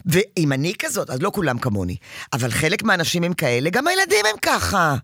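Animated woman giving parenting advice. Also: on the low side, breathy edge, no echo, clean studio sound. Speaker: parenting counselor. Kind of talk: advice session.

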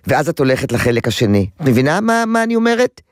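A man advising a caller on a radio program, animated, acting out quotes and repeating words for emphasis. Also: mid-range voice, no echo, clean studio sound. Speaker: parenting advisor on a radio call-in. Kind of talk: advice to a caller.

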